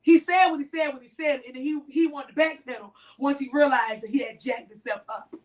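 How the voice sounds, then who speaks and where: Animated woman telling a story, distant mic. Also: high voice, brisk. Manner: animated, addresses listeners directly. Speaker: podcast co-host. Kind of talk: casual storytelling to listeners.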